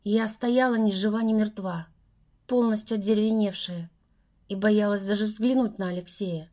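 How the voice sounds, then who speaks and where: A woman narrating a novel in the first person for an audiobook, in a measured, earnest storytelling voice. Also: medium pitch, steady tone, dark tone.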